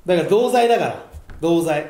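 A young man with a slightly high voice rattles through a backstage story at high speed, acting out the quotes as he goes. The sound has a roomy echo. He is one half of a comedy duo on a casual radio talk show. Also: animated, a crowd in the background. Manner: fast storytelling, acts out quotes, laughs at own jokes.

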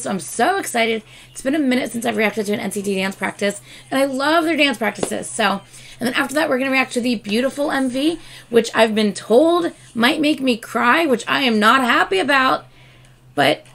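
Talking fairly quickly in a high, hoarse voice, a K-pop reaction YouTuber in her thirties gushes and laughs through a casual vlog. The webcam shows her at her desk indoors, with shelves of albums and collectibles in her home room.

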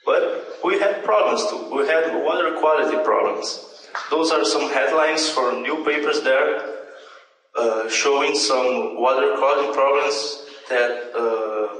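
On the high side and a bit bright, the voice belongs to a young Brazilian man giving an academic talk in hesitant English, filled with fillers and self-corrections. He's in a large, dim lecture hall with a projection screen. His handheld mic plays through room speakers, picked up by a distant camera as an echoey recording.

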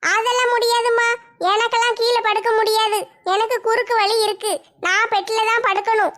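A woman's voice: very high-pitched, level tone, moderate pace, fairly bright tone. A woman voicing a blunt, hot-tempered scheming woman in a comedy sketch. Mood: grumbling. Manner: blunt, quarrelsome.

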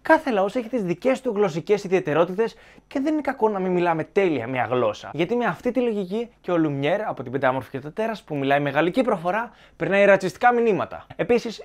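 A man's voice: high voice, expressive. A man giving opinionated film commentary to viewers, arguing his points in a sarcastic, argumentative way.

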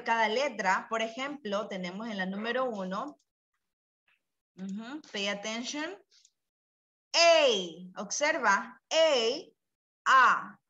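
Slow, bright-voiced bilingual teacher. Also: female voice, fairly high pitch. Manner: patient, repeats words for students to copy. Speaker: English teacher. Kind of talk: bilingual classroom lesson.

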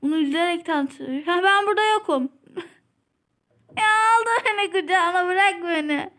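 A woman hosting a playful game-play vlog, giggling often and sometimes dropping to a hushed voice. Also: very high voice, normal speed. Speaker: channel host.

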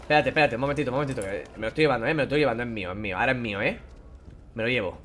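A man commentating a horror game playthrough, taunting and swearing at the characters in a playful, animated way. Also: medium pitch, very fast, a little hiss or hum. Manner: animated, playful sound effects and singing. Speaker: gameplay commentator. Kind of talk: casual let's-play commentary.

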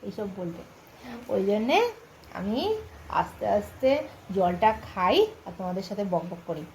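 A middle-aged woman with a Bengali accent, chatting quietly and casually to her viewers in an early-morning home vlog, keeping her voice low so the family can sleep. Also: normal speed, a little hiss or hum, rough recording. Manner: soft-spoken, chatty, talking quietly so as not to wake the household. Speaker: vlogger.

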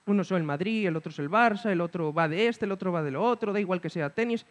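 A man's voice: sits high, fast talker. A man giving a reflective conference talk, often checking in with his listeners with a questioning hum. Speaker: speaker at a talk.

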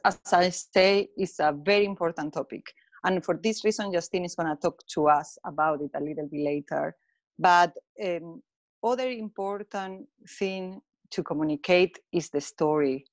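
Presenting a webinar by video call, this colour consultant from Spain speaks English with a Spanish accent in a deep voice. She is earnest but halting, leaning on fillers, and the recording is dry.

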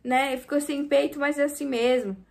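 High-pitched brazilian woman, runs a little clothes shop, chatty and venting to her viewers. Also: steady tone, normal speed, creaky, darkish tone. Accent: Brazilian Portuguese. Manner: chatty, venting, often addresses viewers directly. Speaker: small clothing store owner. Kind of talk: casual vlog storytelling.

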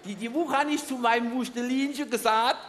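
A man's voice: very high voice, steady tone, a little fast, fairly bright tone, slight background noise. A man with a Saarland German accent performing a carnival comedy monologue on stage, stammering comically over his first words. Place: large carnival hall with audience. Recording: long hall reverb.

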